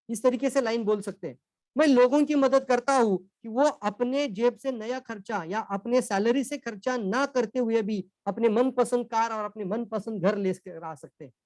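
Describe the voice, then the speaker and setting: A man's voice: very high-pitched, a little mellow, no echo, rough recording. A man giving a motivational sales training talk, coaching his listeners directly and slipping in English sales lines.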